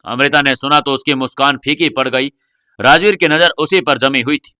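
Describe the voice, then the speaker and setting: Bright-voiced male story narrator. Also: medium pitch, moderate pace, no echo, clean studio sound. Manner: steady storytelling. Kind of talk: scripted audio-novel narration.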